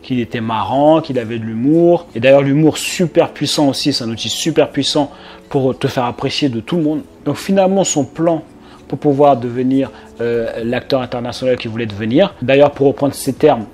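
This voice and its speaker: A man's voice: mid-range voice, moderate pace, darkish tone. A man from France, a business coach, talking casually and directly to his viewers, with lots of fillers and restarts. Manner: chatty, informal, speaks directly to the viewer, many fillers and restarts. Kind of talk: casual video commentary to the viewer.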